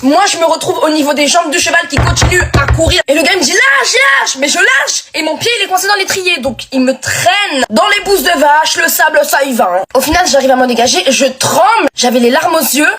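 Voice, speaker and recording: A young woman tells a comic story in a lively vlog monologue, acting out each person she meets along the way. Her voice sits high and bright. She talks fast and rarely pauses. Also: soft background music. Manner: animated, acts out the other people in the story. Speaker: comedic storyteller.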